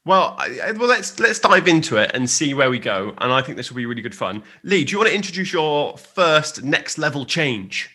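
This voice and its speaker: A man's voice: a little high, big pitch swings, moderate pace, few pauses, sharp tone, breathy edge. A man co-hosting a casual podcast chat, rambling through stories with many restarts and asides. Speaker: podcast co-host on church leadership.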